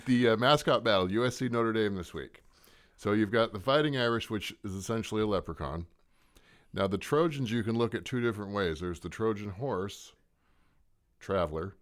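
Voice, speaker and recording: Low smooth-voiced male interview host. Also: moderate pace. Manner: chatty, jokey questioner. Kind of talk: casual sports interview.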